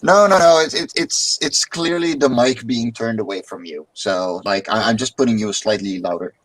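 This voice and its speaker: A man who streams and draws comics chats casually and rambles, often repeating words as a thought gets going. His mid-range voice is fairly bright at normal speed, and the audio is poor.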